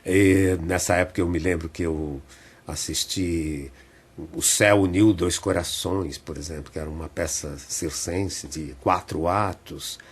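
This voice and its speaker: An older man tells stories slowly in a radio studio, often checking in with small tag questions. His voice sits low and sounds husky. He talks like a seasoned theatre man looking back. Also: fairly even intonation. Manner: unhurried reminiscing, frequent tag questions. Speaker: theatre director, interview guest. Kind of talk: reflective storytelling in a radio interview.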